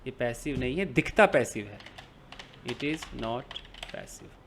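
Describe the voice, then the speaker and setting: A man's voice: a little high, a little hiss or hum. A man teaching an English grammar lesson in Hindi, explaining with everyday examples and asking and answering his own questions.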